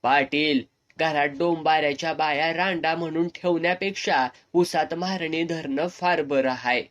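A brash, drunken young village man voiced by a male narrator taunts in coarse rural dialect. His voice sits a little high and comes out loud. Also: fairly even intonation, unhurried, muffled recording. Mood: jeering. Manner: rough rural dialect, jeering.

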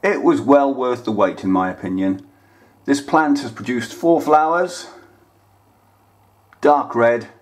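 A man hosting a gardening channel takes his time, pausing often in a mid-range voice. Standing at his kitchen counter at home, he chats plainly through a casual gardening how-to and talks straight to the people watching.

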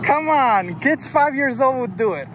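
Extremely high in pitch, expressive, a little slow, and a bit bright, this man's voice carries through his casual outdoor vlog. He demonstrates a paddleboard kayak on shallow coastal water with real enthusiasm, naming his speed as he paddles. Cameras on the board and on shore capture it, along with wind and water noise.

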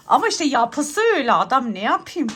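A talkative woman with a high voice chats away in her home kitchen while cooking. She laughs often and tells her stories loudly, with a faint hiss of noise behind her. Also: big pitch swings, normal speed. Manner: chatty, laughs often, loud storytelling. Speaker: vlog host. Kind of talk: casual kitchen chat.

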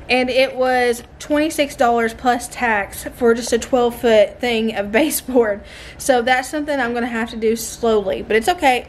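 A young woman with a Southern American accent, from the southern United States, speaks in a voice on the high side with slight background noise. She's a homeschooling mom chatting casually and animatedly in her home vlog, laughing often. She films on a phone held at arm's length, first in a car and then in the living room of a mobile home.

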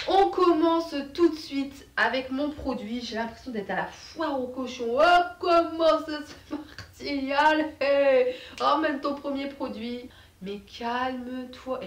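A woman's voice: sits high, roomy sound, far from the mic. A French woman chatting casually as a beauty vlogger, bubbly and full of fillers. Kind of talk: casual chat to camera.

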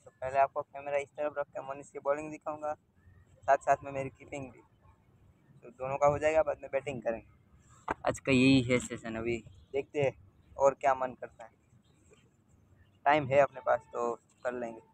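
A young man vlogs outdoors at a cricket ground, holding the camera at arm's length and chatting casually straight to his viewers. His voice is medium-pitched with a flat delivery at normal speed, broken by long pauses. The audio quality is poor.

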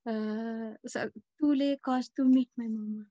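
Non-native French speaker, woman, Sri Lankan accent, slow and halting, higher-pitched, dull call audio. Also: fairly even intonation, mellow, dry recording. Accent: foreign accent in French, Sri Lankan. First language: not French. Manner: halting, searching for words in broken French. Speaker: guest giving a testimony. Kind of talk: personal testimony in halting French. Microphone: video call.

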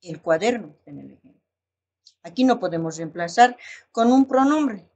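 A woman's voice: mid-range voice, lively intonation, normal speed, a little mellow, highs cut off. A woman teacher giving a recorded language lesson, explaining step by step with fillers and careful lists of example words.

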